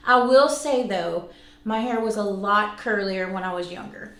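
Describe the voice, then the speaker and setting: In an echoey room with faint background noise, a woman of about forty hosts a product-review vlog, chatting casually with viewers. Her mid-range voice is fairly bright and moves at a measured pace. She keeps things informal and conversational, slipping in self-deprecating asides.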